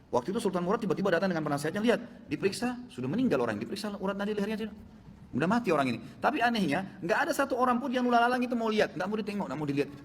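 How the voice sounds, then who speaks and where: A man preaching a sermon, telling a story in a lively way and acting out the dialogue of its characters. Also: racing, slightly rough, in a large hall. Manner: animated storytelling, acting out dialogue with rising pitch.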